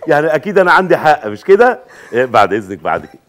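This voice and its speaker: A man's voice: fairly high pitch, big pitch swings, a bit bright. An actor with an Egyptian accent playing a teasing, exasperated man, coaxing and mocking in a live stage comedy. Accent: Egyptian Arabic. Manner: teasing, coaxing, rapid-fire.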